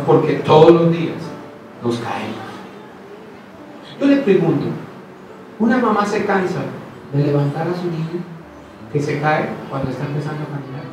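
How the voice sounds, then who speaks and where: A man preaching a sermon in a church, impassioned, moving between loud declarations and hushed asides. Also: a little high. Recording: echoey hall, distant mic, noisy.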